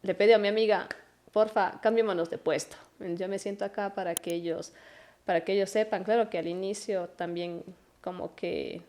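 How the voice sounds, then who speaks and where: A woman's voice: mid-range voice, moderate pace, slight background noise. A woman in her thirties, a podcast guest, telling personal stories in casual conversation and acting out a child's lines. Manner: animated, acts out her child's voice with laughs. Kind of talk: conversational storytelling.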